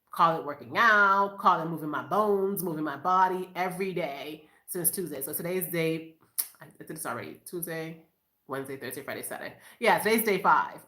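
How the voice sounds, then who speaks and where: A woman's voice: fairly low pitch, fairly bright tone. A woman from Boston, a mother of five, chatting casually and upbeat with viewers on a live stream at home, often laughing and calling them you guys. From Boston, USA. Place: at home, in her room. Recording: echoey room.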